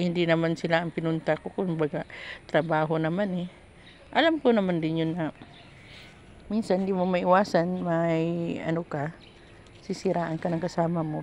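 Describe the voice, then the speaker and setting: A woman's voice: lowish voice, darkish tone, slight background noise. A woman vlogger chatting candidly about her work as a household helper, rambling and restarting as she tells her story. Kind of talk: casual chat.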